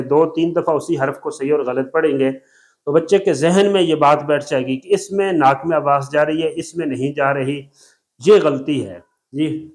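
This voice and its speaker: A man with a Pakistani Urdu accent teaching Quran recitation, drawing out single letters slowly and explaining patiently. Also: on the high side. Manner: slow drawn-out letter demonstrations, patient explaining. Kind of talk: explanatory tajweed lesson.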